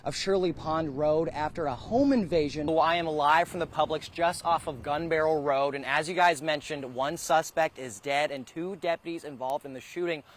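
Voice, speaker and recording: A young man reporting the news for local television, in a crisp, upbeat broadcast delivery. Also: on the high side, moderate pace, few pauses, slight background noise. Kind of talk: news reporting and live stand-ups.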